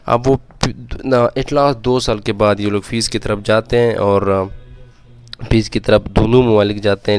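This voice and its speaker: A man teaching an informal history lecture, explaining loosely with frequent filler sounds, pauses and "okay" check-ins. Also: fairly low pitch, clean tone. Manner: often pauses mid-sentence to find words.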